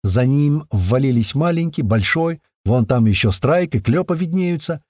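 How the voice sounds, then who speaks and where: A man tells an audiobook story in the first person with a relaxed, colloquial manner. His voice is husky and his intonation lively. It sounds close and dry. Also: medium pitch, moderate pace, no room sound. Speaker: narrator. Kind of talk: audiobook narration.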